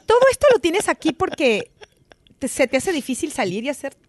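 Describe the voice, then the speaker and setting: Chatty woman host, slightly high voice. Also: very animated, fairly quick, no room sound. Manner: chatty, affirming, laughs along. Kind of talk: casual interview.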